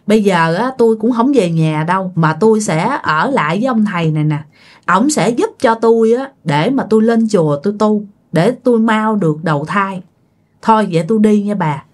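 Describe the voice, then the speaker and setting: A woman's voice: medium pitch, animated, a little fast, a little mellow, natural voice. A woman with a Southern Vietnamese accent voicing the tearful, vengeful ghost of a murdered husband in a told ghost story. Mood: resigned.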